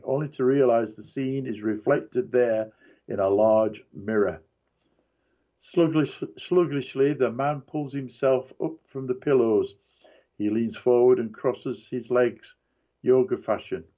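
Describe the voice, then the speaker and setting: A man reading a dramatic book passage aloud in a measured, deliberate way. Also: medium pitch, lo-fi sound. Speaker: narrator.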